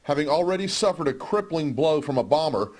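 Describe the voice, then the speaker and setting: A man's voice: a little high, animated, brisk, a little mellow. A man narrating a scripted television news story as a field reporter.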